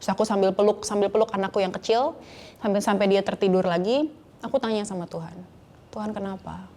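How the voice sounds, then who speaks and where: This is a woman in her thirties recounting a personal spiritual experience as an interview guest. Her voice is mellow and sits at an ordinary pitch. She talks earnestly and drops English phrases into her speech. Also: steady tone, fast. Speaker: guest sharing a faith testimony. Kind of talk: conversational interview testimony.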